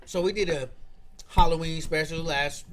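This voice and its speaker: Rambling, profane man with a higher voice. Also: fairly even intonation, moderate pace, fairly bright tone, slight background noise. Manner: rambling, profane storytelling with laughs. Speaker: podcast co-host. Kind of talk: casual chat.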